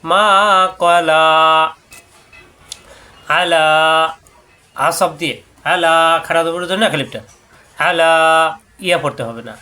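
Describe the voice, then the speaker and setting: A man whose first language is Bengali, teaching Quran recitation rules, drawing out each example word slowly and then explaining the rule briskly. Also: on the high side, pushed and bright, soft background music. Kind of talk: tajweed lesson.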